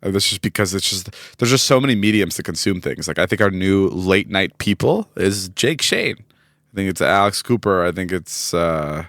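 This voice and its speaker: An American podcast co-host in his twenties chats casually at normal speed, telling animated stories full of swearing. When he acts out quotes, his voice leaps up in pitch.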